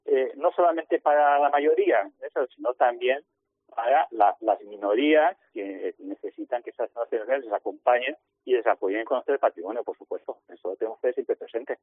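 A man's voice: mid-range voice, slightly rough, no echo. Man on a tinny phone line. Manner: halting, restarts often. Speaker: municipal archaeologist. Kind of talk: phone-in radio interview.

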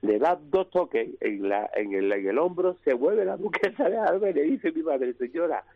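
A man from Cádiz province with an Andalusian accent, a comedian telling lively anecdotes in a radio interview, acting out the people in them. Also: a little high, moderate pace, vocal fry, no room sound, phone-quality sound. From Cádiz province, Spain. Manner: lively anecdotes, mimics his mother's voice. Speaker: comedian guest. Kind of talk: animated storytelling in a radio interview.

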